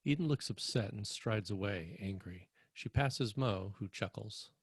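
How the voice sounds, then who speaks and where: A man with a husky, gravelly, lowish voice reads screenplay stage directions as scripted narration. He keeps a measured pace, and there is no room sound.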